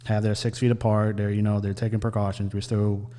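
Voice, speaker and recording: A man hosting a casual podcast interview, talking haltingly with many restarts and "and stuff" fillers. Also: lowish voice, level tone, dark tone. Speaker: podcast host. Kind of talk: casual nervous interview chat. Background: faint crowd chatter.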